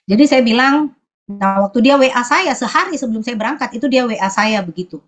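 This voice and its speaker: A woman from Sulawesi giving a personal testimony at church, often pausing to search for her words. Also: on the high side, animated.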